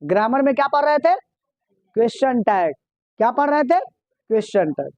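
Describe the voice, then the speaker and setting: Here the teacher speaks at normal speed in a very high, sing-song voice with a darkish tone and no echo. He's a man teaching English vocabulary, asking students questions, repeating replies and spelling words out one letter at a time. Sound quality is dull, dry and lo-fi.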